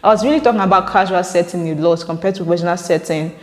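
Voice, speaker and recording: A young Nigerian woman vlogs casually to camera, reading viewer comments aloud, explaining herself at length and laughing often. She talks very fast in a voice on the low side. The room is echoey with a long reverb.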